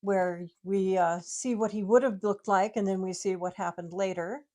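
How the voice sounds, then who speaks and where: A woman's voice: medium pitch, fairly even intonation, normal speed, darkish tone. A woman guest in a casual chat, explaining her collection at length and laughing often. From United States. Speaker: guest, tiki mug collector. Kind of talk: casual chat, show-and-tell.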